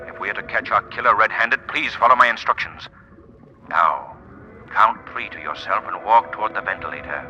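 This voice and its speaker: The Shadow, deep commanding crime-fighter. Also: male voice, pushed and bright, muffled recording. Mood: urgent, commanding. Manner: theatrical, authoritative, deliberate. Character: invisible mysterious crime-fighting man, confident and commanding. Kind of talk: old-time radio drama acting. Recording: noisy old radio recording.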